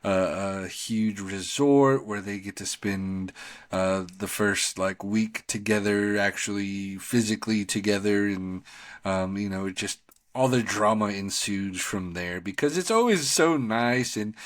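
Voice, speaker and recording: A man's voice: lowish voice, a little slow, dry recording, studio quality. A man co-hosting a podcast, talking casually about TV shows in a rambling, slangy, conversational way. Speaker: podcast co-host.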